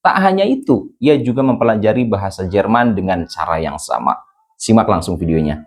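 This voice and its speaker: A man's voice: lowish voice, lively intonation, fairly quick. A man narrating a scripted viral-news story as a voice-over.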